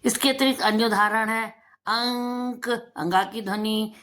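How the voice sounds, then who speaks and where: A woman's voice: a little high, steady tone, a little slow, a bit bright. A woman teacher giving a lesson to children, drawing out example words and asking and answering her own questions. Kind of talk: slow, deliberate Hindi lesson for children.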